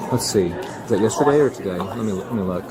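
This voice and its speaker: Male police officer over loud crowd noise. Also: lowish voice. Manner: calm, explanatory, halting. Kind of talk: procedural talk during an arrest. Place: busy airport terminal. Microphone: body-worn camera. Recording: noisy crowded bodycam audio.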